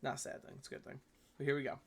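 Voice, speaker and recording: Racing along in a slightly bright voice, a history video host with a New York accent gives casual commentary reviewing a video. He rambles, corrects himself as he goes, and drops apologetic asides. Slight background noise is audible.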